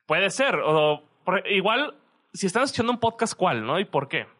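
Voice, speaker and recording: A man's voice: high voice, very animated, normal speed, pushed and bright. A young man with a Mexican Spanish accent, co-hosting a podcast, asking curious questions in casual chat. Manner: curious, asks questions, laughs easily. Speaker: podcast co-host.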